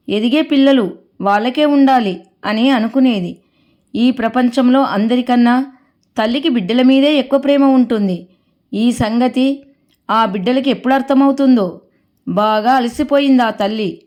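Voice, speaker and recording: Telugu woman storyteller, high voice, pitying tone, narrating a family tale. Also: darkish tone. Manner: sympathetic storytelling, sighs of pity.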